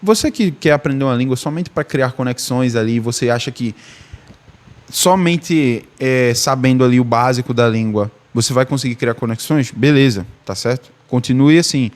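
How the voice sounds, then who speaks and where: A man's voice: mid-range voice, normal speed. A man with a Recife accent from Northeast Brazil, giving a casual online language lesson and checking in often with the listener. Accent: Recife Brazilian Portuguese. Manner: casual, chatty, repeats "tá?" and "beleza?". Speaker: language teacher.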